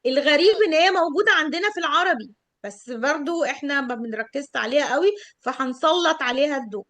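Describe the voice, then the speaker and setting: Brief: middle-aged woman, Egyptian Arabic accent, high voice, patient pronunciation teacher who slows down on example words. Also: animated, fairly bright tone, no echo. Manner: drawn-out model words. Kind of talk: online pronunciation lesson.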